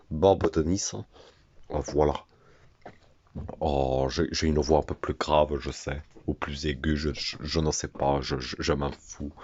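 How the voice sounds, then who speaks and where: A teenage man voicing a gruff, indifferent cousin with a low, mumbling and dismissive voice. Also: darkish tone, muffled recording. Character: gruff, indifferent young male cousin character.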